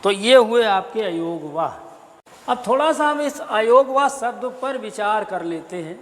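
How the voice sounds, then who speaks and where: Slow, high-voiced Hindi teacher. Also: male voice, animated, big-room sound. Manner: slow, deliberate, spelling out sounds one by one. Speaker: school teacher explaining Hindi grammar. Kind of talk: classroom-style explanatory lesson.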